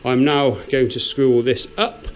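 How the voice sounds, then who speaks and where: A middle-aged man narrates his house renovation vlog indoors, chatting casually with dry sarcasm as he films. His smooth, mid-range voice stays fairly even and moves at a normal speed.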